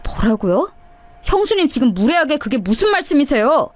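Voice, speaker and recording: A woman's voice: sits high, sing-song, moderate pace, no room sound. Woman voicing a stiff, indignant brother-in-law. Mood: stunned.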